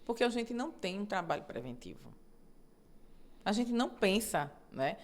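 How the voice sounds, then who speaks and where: A middle-aged woman judge, a guest in a conversational interview, explaining in an animated way and often checking in with tag questions. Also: mid-range voice, normal speed.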